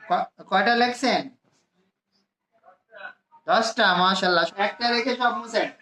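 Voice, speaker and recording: A man from Bangladesh teaching a class to pronounce Arabic letters, slowly repeating each sound for his students. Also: high-pitched, sharp tone, slight background noise. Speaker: Quran teacher. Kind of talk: classroom lesson. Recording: echoey room.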